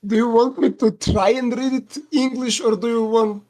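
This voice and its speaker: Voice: medium pitch, steady tone, moderate pace, darkish tone. A person with a Serbian accent, chatting casually as a guest on a stream. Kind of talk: casual chat.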